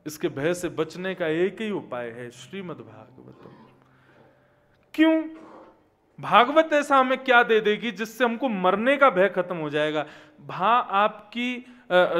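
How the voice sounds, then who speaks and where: A man's high, bright, forceful voice carries a conversational devotional discourse packed with anecdotes and rhetorical questions he answers himself. He sits at a lectern on a religious event's stage, speaking into gooseneck podium microphones.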